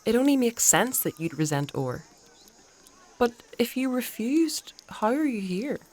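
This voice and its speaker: A woman plays a composed fantasy priestess and mentor in a dark audio drama, speaking in a measured, articulate way with playfully dry wit. Her voice is on the high side and sing-song, and her mood is probing.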